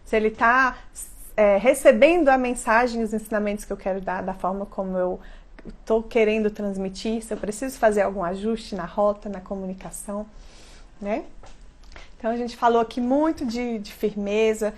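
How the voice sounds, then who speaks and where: A Brazilian woman, a mother and parenting educator, talking earnestly and emphatically to viewers on a live stream and often checking in with a quick question. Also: mid-range voice, fairly even intonation. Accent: Brazilian Portuguese.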